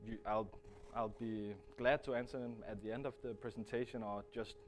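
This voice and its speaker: A Danish man in his thirties with a Danish accent gives a conference presentation as a guest speaker, hesitating with many restarts and fillers. His voice is on the low side, fairly quick, with fairly even intonation.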